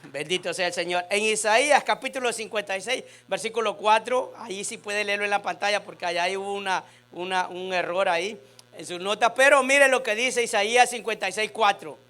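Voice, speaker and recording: A man's voice: high voice, a little fast. A man, preaching a sermon in a church and speaking directly to his congregation. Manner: animated preaching, talks straight to the congregation. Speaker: pastor. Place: church sanctuary.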